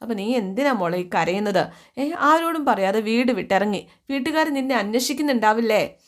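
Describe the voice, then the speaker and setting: A worried older mother pleading with and gently scolding her daughter, as a woman storyteller puts her on. Her voice sits a little high and stays coaxing rather than harsh, in a retold family drama. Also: expressive, normal speed, close to an everyday voice.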